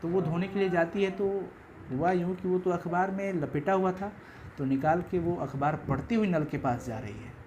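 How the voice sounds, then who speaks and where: Male teacher, lively storytelling lesson, talks to students directly, faint background hiss. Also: high voice, moderate pace, highs cut off. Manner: chatty, animated storytelling with asides to students. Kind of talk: Hindi literature lesson explaining a story.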